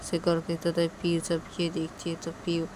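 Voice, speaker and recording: A woman's voice: on the low side, completely flat delivery, moderate pace, noisy background. A woman narrating a romance story in a casual, plain spoken manner, linking events with repeated connecting words.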